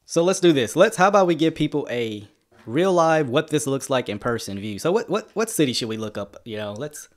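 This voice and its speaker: A man's voice: fairly high pitch, sing-song, fairly quick. A man hosting a casual livestream, guiding the talk and prompting his guest with questions. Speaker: channel host.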